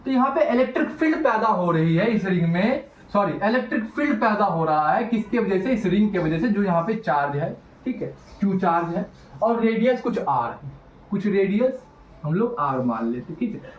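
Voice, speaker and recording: A man teaching a physics lesson, animated and teasing, talking straight to his students. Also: high-pitched, moderate pace, reverberant, lo-fi sound. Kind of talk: classroom lecture.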